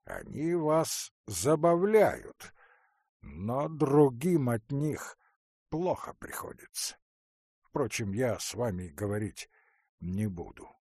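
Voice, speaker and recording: A weary, stern nobleman, read by a man who speaks in a cold, hollow, restrained voice. He talks slowly and deliberately. The sound is dry and close. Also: medium pitch, sing-song, a little mellow, no room sound, full character voice. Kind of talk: audiobook character reading.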